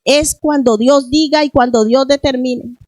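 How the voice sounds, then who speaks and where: A woman's voice: high-pitched, steady tone, a little slow, a little mellow, no room sound, poor audio. A middle-aged woman pastor preaching a sermon in church, asking the congregation question after question. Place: church in Spain.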